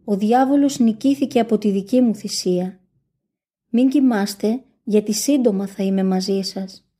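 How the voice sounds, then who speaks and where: A woman giving a solemn reading of a religious text in a steady, measured first-person recitation. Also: medium pitch, breathy edge.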